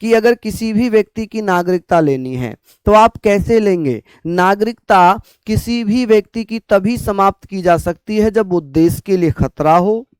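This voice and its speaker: A man's voice: high voice, clear, resonant tone, no echo. A young man teaching an online exam-prep lecture, repeating points and calling students his brothers and sisters.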